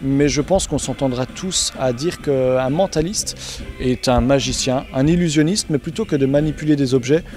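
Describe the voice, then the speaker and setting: A man's voice: mid-range voice, moderate pace, a little mellow, soft background music. A man working as a mentalist, explaining his craft in a conversational interview. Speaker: mentalist magician.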